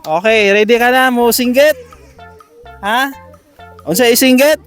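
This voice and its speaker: A man hosting games for schoolchildren outdoors, coaxing and counting down with animated energy. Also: very high voice, a little slow, faint music behind. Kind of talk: lively outdoor game hosting.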